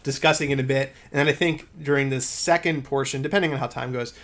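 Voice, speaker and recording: A man co-hosting a game studio stream in a casual, relaxed, chatty way. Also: medium pitch, quick pace. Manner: relaxed, chatty, laughs often. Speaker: stream co-host.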